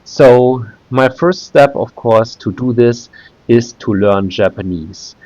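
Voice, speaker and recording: Speaking English though German is his native language, a man in his thirties casually shows viewers around a website on screen, hesitating with many "uh"s and restarts. The video creator's voice is medium in pitch, mellow and slow, captured lo-fi with no room sound.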